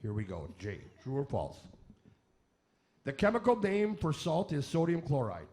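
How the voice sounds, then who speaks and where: This comic game show host, running the quiz on a comedy radio variety show, reads questions with jokey, wisecracking asides. His mid-range voice is a little mellow, with huge pitch swings and a moderate pace.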